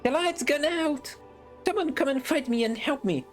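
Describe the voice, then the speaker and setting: A storybook reader voicing a timid, frightened small hobbit burglar with high, squeaky, anxious cries. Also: a little slow, soft background music, close to an everyday voice.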